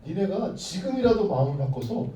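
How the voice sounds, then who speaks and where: A man voicing a furious, boastful ancient king who shouts and scolds, heard from far off in an echoey room. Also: sits high, very animated, brisk. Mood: threatening.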